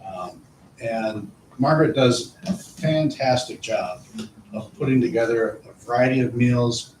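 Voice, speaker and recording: A man speaks in a mid-range, darkish voice at a measured pace as a school administrator updating the board during an informal public meeting, often repeating his phrases while explaining. Recorded in an indoor meeting room, the audio is echoey, distant-miked, and faintly noisy.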